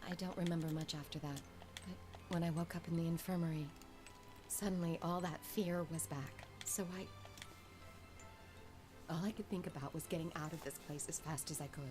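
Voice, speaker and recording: An actress voicing a frightened young woman in a video game, quietly recalling her ordeal in a halting, confessional way. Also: low-pitched, steady tone, lightly acted. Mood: somber. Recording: game audio with music underneath. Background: music box melody.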